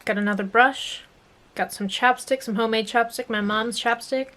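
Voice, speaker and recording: A woman's voice: fairly high pitch, fairly even intonation, normal speed, fairly bright tone, a little hiss or hum. A young adult woman vlogger chatting casually to viewers, musing aloud and trailing off, her speech slightly hampered by a swollen mouth after dental work. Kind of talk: casual rambling chat to viewers.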